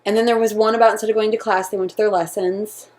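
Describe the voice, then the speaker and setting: A woman's voice: mid-range voice, steady tone, a little mellow. A young American woman co-hosting a book review chat, talking casually with plenty of "like" fillers and firm opinions. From United States. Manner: chatty, many "like" fillers, quick opinions.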